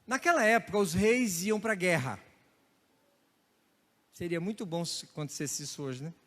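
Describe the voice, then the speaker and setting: A male pastor preaching to his congregation in a church hall, his voice high for a man. He tells lively stories, mimicking regional sayings with a chuckle, and a long reverb trails each phrase. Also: moderate pace. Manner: storytelling with playful regional imitations and laughter. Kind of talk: sermon.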